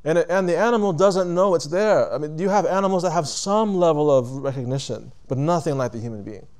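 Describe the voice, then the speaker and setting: A man's voice: fairly high pitch, a little mellow. Man giving a conversational religious lecture. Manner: conversational, poses questions to listeners; deliberate, stops to rephrase. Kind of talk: reflective Islamic lecture to a live audience. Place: lecture room with audience.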